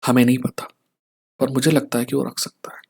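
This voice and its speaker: A young Indian man with a mid-range voice talks through a fight analysis in an easy, conversational way. He keeps tossing quick tag questions at his listeners to pull them along. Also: medium pitch, little pitch movement, gravelly, darkish tone, husky. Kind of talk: casual explainer talk.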